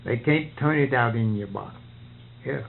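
A man's voice: medium pitch, moderate pace, gravelly, a little hiss or hum. An older man, chatting casually about farm life in folksy, ungrammatical country speech on a narrow, tinny recording. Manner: folksy rural speech with nonstandard grammar. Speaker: farmer being interviewed.

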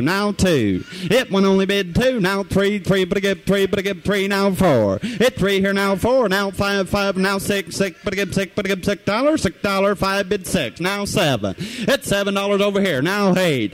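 A man working as an auctioneer, calling bids in a rapid, rhythmic, sing-song chant with repeated filler phrases. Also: high-pitched. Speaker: auctioneer at a household goods auction.

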